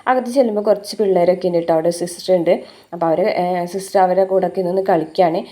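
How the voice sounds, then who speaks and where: A woman's voice: lowish voice, fairly even intonation, fast talker, warm tone. A woman casually recapping a TV serial episode, chatty and full of fillers. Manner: chatty retelling with frequent "uh" fillers.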